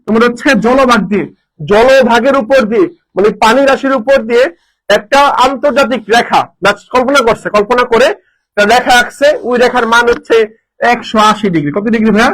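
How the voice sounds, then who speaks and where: A man teaching a live online lesson, energetic, repeating answers and quizzing his students. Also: extremely high pitch, brisk, rough recording. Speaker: admission coaching teacher.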